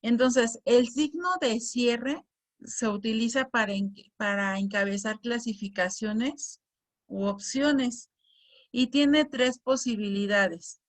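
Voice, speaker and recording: Slow-speaking woman teacher explaining. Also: fairly high pitch, fairly even intonation. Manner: patient, repeats words, reads examples aloud with exaggerated intonation. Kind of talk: slow explanatory lesson on punctuation.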